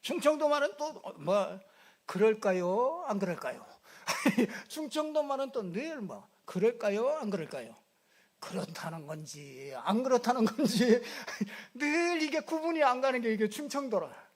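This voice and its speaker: A man's voice: very high-pitched, animated, measured pace. A middle-aged male pastor preaching a sermon in a chatty, joking way, repeating little fillers as he goes. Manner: conversational and joking, repeats fillers, mimics regional speech. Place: church sanctuary.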